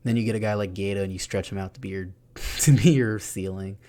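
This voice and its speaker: A young man giving an excited, profane, laughing recap of a wrestling show. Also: on the low side, a little fast. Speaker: wrestling reviewer.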